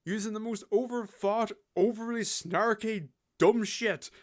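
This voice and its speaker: A British man reviewing a game in a relaxed, mocking tone, swearing freely between laughs. His voice sits high for a man. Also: unhurried. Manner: sarcastic, swears, laughs often. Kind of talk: casual game commentary.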